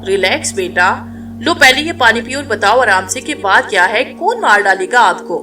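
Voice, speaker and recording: A woman voicing a middle-aged father who speaks in a soothing, steady way. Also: on the high side, moderate pace, far from the mic, soft background music.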